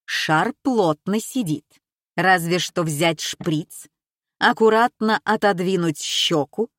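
A woman voicing a touchy, pedantic male expert who lectures in a precise, measured way, read slowly in a dry room. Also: lowish voice, a bit bright, dry recording. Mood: quiet, matter-of-fact.

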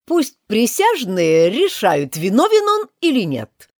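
A woman's voice: on the high side, wildly swooping pitch, slow, dry recording, studio quality, pitched above the performer's own voice, full character voice. Woman putting on a pompous blustering king. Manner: fussy, triumphant, self-satisfied.

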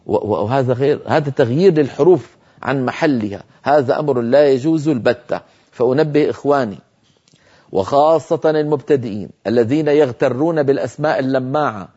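A man teaching Quran recitation, explaining patiently and drawing out each sound slowly to demonstrate it. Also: a little high, warm tone, highs cut off. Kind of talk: televised recitation lesson.

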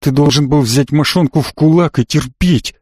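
A man's voice: a little high, moderate pace, a little mellow, breathy edge, dry recording, clean studio sound. A man voicing a fierce, scornful young woman. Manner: mocking, cold, harsh.

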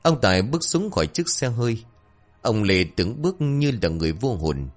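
A man narrating a dramatic story with an expressive, rising and falling delivery. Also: medium pitch, normal speed, soft background music.

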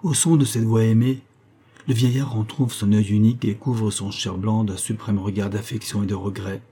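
A man reads a classic novel aloud as audiobook narration. His voice is low, dark and husky. His delivery is measured and literary. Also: flat delivery. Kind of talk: scripted narration.

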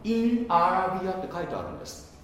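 A male pastor preaches at a quick pace, his fairly high, lively voice jumping up and then falling off. Between offhand asides he keeps throwing rhetorical questions at the congregation, and everything echoes around a big, reverberant hall with a long tail.

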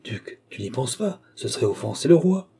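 A man's voice: medium pitch, big pitch swings, normal speed, creaky, mellow, breathy edge, full character voice. A man reading a novel aloud, voicing an aging provincial baron who sounds fretful and pleading. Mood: anxious. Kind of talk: audiobook character reading.

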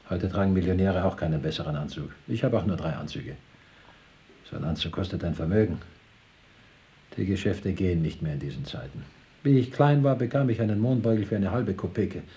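An actor playing a rich, stingy older uncle who grumbles about money and flares up loudly in a radio drama. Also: male voice, low-pitched. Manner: grumbling, flares into loud outbursts.

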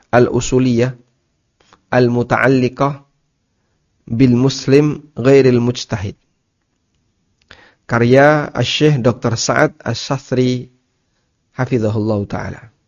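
A man's voice: mid-range voice, darkish tone. Male teacher at a study session; patient, repetitive explaining, dull recording. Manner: explains slowly, repeats key terms, asks listeners rhetorical questions. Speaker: Islamic teacher. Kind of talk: religious study lecture.

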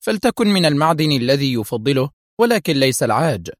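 A man voicing a cunning, scheming woman villain who puts on sweetness and turns sharp. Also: mid-range voice, lively intonation, a little fast, no room sound, studio quality, lightly acted. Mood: scheming, tense. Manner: feigned sweetness turning sharp.

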